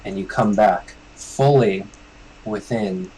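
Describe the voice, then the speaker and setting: A man acting as game master, narrating a tabletop game in a measured way with pauses between phrases. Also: on the low side, dark tone, slight background noise, rough recording.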